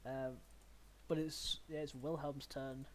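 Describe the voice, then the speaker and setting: Rambling young game master. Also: male voice, medium pitch, flat delivery, slow pace, a little hiss or hum. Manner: rambling, filler-heavy, laughs at his own narration. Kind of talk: narrating a tabletop game.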